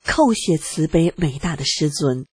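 An adult reading a personal testimony aloud in a steady first-person way, earnest and reflective. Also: medium pitch, measured pace, slightly rough, dry recording.

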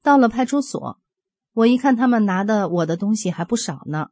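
A woman in her fifties reading aloud a personal account in an earnest, steady storytelling way. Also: medium pitch, a little fast, dry recording. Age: 50s. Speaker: religious practitioner sharing a testimony.

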